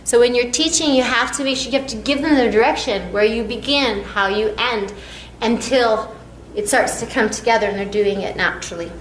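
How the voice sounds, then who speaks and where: A woman's voice: a little high, fairly quick, hardly any pauses, a little hiss or hum. Upbeat woman teaching in an echoey room. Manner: counts out strokes, encouraging and upbeat. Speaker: massage instructor. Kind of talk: hands-on teaching demonstration. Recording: echoey room, faint background.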